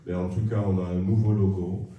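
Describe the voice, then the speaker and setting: A man's voice: low voice, flat delivery, brisk, dull audio. A man giving church announcements to the congregation in a hesitant, friendly way, with many filler sounds. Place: large church hall, indoors. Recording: very echoey church hall, from far off.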